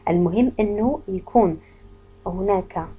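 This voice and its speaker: A woman's voice: medium pitch, slightly rough, narrow, tinny audio. Patient woman teaching French sounds. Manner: patient, repeats each word slowly for learners. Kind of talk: language lesson explaining French pronunciation.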